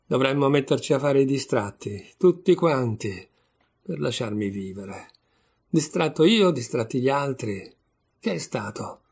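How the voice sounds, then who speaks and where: A man's voice: medium pitch, lively intonation, unhurried, gravelly, breathy edge, exaggerated voice. A man reading a short story aloud, voicing a bitter, sardonic young man disgraced after a trial. He speaks with wry irony.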